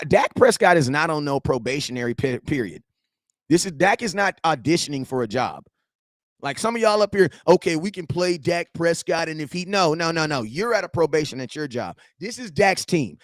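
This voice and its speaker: A man, reading and answering viewer chat in a slangy, animated sports rant. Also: fairly high pitch, no echo, studio quality. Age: 40s. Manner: animated, slangy trash talk, shouts at chat. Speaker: sports fan streamer.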